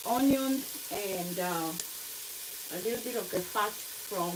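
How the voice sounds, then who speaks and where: In a noisy indoor kitchen, a home cook with a Kenyan accent hosts a casual cooking tutorial, explaining each step to viewers in a halting, unhurried way with a medium-pitched voice. Frying sizzles, stirring, and clicks fill the background.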